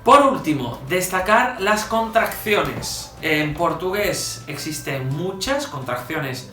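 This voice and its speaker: Bright-voiced teacher in an echoey room. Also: male voice, high-pitched, lively intonation. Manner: slow, stressed examples with frequent "¿vale?" checks. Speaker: Spanish teacher. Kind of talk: spoken grammar lesson. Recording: echoey room with faint music.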